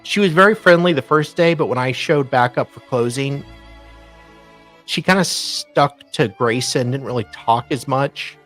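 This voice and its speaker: Her voice is very deep and her pace measured as she, a co-host, reads documents in a mocking, theatrical way and drifts into casual asides. There's faint music in the background.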